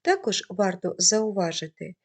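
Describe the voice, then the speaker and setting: A woman's voice: mid-range voice, big pitch swings, normal speed. A woman teacher reading a scripted grammar lesson, carefully saying word forms one by one.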